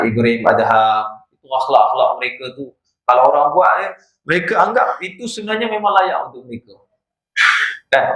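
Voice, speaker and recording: The voice belongs to a man of medium pitch, a bit bright, speaking with a Malaysian Malay accent. As a religious teacher giving an evening lecture in an echoey madrasah prayer hall, he tells stories and turns to his listeners with rhetorical asides.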